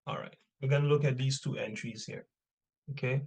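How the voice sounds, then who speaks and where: A man with a mid-pitched voice leads an informal class as its teacher. He reads from sources and comments on them emphatically. He keeps checking in with rhetorical questions and short tags. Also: fairly even intonation, brisk, a little mellow, slightly rough. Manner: emphatic, punctuates points with rhetorical questions and tags like 'right?' and 'man'. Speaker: teacher leading an online religious history class. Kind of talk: informal lecture, reading and commenting on texts.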